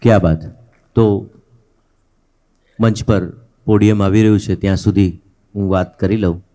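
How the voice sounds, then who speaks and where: A man anchoring a poetry event, filling time with a brisk, conversational anecdote. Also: lowish voice, steady tone, mellow. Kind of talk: stage compering, telling an anecdote.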